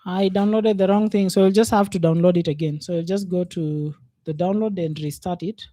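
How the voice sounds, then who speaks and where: His voice is high-pitched, steady, brisk and mellow as he, a programming instructor, runs a casual screen-share coding lesson. He thinks aloud unhurriedly with many fillers, and there's no room sound.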